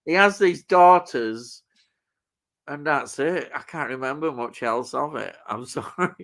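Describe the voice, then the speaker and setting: A man's voice: fairly high pitch, a little slow, fairly bright tone. An older man with a Yorkshire accent, chatting casually about film and TV in an enthusiastic, rambling way as a show host. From Yorkshire, England.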